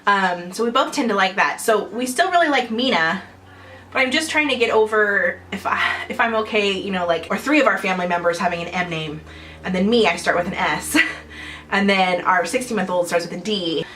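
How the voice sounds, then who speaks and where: A woman's voice: mid-range voice, a little fast, bright, forceful tone, slight background noise, poor audio. A young adult woman vlogging at home in casual chat to camera, chatty and rambling with frequent small laughs.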